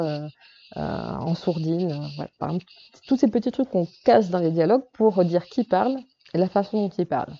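Woman, novelist, casual workshop talk, hesitant, many fillers, dark warm voice, dull lo-fi sound. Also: on the low side, creaky. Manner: hesitant, full of fillers and restarts. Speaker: novelist speaking to a workshop group. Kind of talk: casual talk on writing craft.

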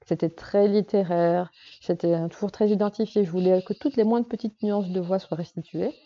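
A woman's voice: medium pitch, fairly even intonation, normal speed, warm tone, dull audio. A woman novelist giving a casual talk on writing craft to a group, hesitant and full of fillers and restarts. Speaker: novelist speaking to a workshop group.

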